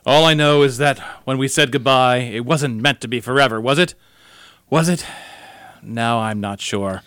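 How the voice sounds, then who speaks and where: A man's voice: medium pitch, moderate pace, a bit bright, smooth, no echo, studio quality, close to an everyday voice. An actor playing a brooding starship officer who tells his story in a melodramatic, wistful way.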